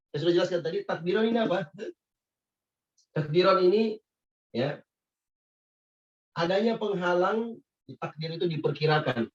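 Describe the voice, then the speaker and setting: Male grammar teacher, patient and repetitive, slightly high voice, recorded muffled from a distance. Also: a little slow, long pauses. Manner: patient, repetitive explaining with frequent "ya" checks. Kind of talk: classroom grammar lesson.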